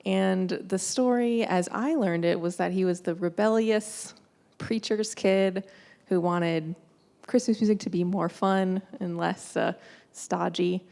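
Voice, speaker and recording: Gravelly woman telling a story to a congregation. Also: on the low side, slow. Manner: relaxed, gently wry, with fillers. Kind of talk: conversational storytelling.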